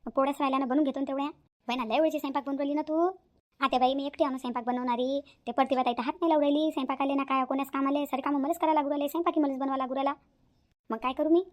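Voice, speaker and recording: Woman doing a frazzled young bahu, cartoon, high pitched. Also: fairly even intonation, rapid-fire, darkish tone, close to an everyday voice. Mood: complaining. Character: overworked young daughter-in-law, complaining.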